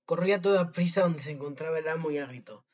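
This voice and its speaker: A man's voice: a little high, fast talker. A man narrating a fairy tale aloud, with small slips and restarts. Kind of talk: storybook reading. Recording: dull lo-fi recording.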